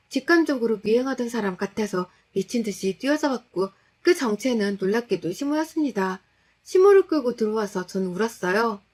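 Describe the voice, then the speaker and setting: A woman recounting a frightening personal story in the first person. Her voice sits at a middle pitch. She tells it in a tense, confessional way.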